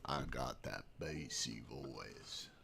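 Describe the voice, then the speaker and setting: A man deliberately dropping his voice into an exaggerated deep bass, in a playful, mock-smooth low drawl during casual chat while gaming. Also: background noise, exaggerated voice. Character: man's own voice pushed into an exaggerated deep bass.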